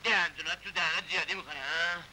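A man's voice: fairly high pitch, steady tone, rough recording. An actor playing a cocky, wisecracking male spy agent who jokes and mocks his captors in a dubbed 1960s comedy film. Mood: mocking. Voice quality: joking, mocking banter. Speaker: captured secret agent. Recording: loud hiss of old film soundtrack.

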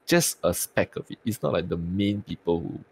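Tired, raspy-voiced male streamer, deep and gravelly, casual podcast co-host. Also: lively intonation, normal speed. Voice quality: tired-sounding voice. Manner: rambling, swears freely.

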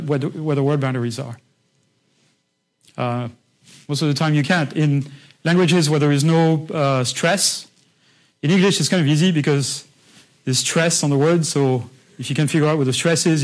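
A man's voice: fairly high pitch, poor audio. A man lecturing a university class, explaining patiently in a conversational way and often checking in with his listeners. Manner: conversational, with frequent restarts.

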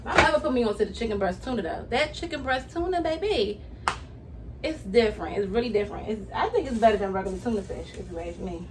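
A woman's voice: medium pitch, expressive, quick pace. Chatty woman vlogging from her kitchen. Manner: chatty, addresses viewers as y'all. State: hot and sweaty. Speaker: vlogger and mother. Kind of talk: casual grocery haul vlog. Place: home kitchen, indoors. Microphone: camera on the counter, at a distance. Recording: distant camera mic, noisy room.

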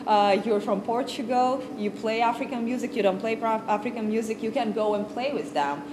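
A young woman from Kazakhstan giving an informal music talk to a class, in unhurried English, searching for words and restarting often. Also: fairly high pitch. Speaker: guest music lecturer. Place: large stage with piano. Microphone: far camera, no handheld mic. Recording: audible background noise on stage.

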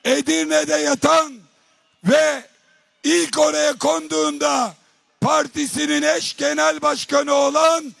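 A politician giving a slow, emphatic, shouted rally speech into a podium microphone in an open public square. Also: male voice, extremely high pitch, flat delivery, gravelly, no echo, soft background music. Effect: speaking into a podium microphone at a rally.

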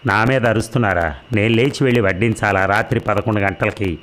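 A man voicing a proud, domineering middle-aged wife who answers with drawling, haughty retorts, in his own low voice. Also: fairly quick, a bit bright, close to an everyday voice.

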